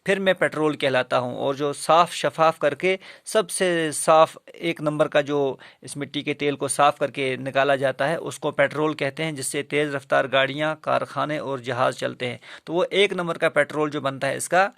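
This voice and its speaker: Male teacher, gravelly and monotone, spelling words slowly for young pupils. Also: on the high side, no room sound, studio quality. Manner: slow letter-by-letter spelling out of words; patient, repetitive teaching voice. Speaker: primary school teacher. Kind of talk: recorded Urdu reading lesson for children.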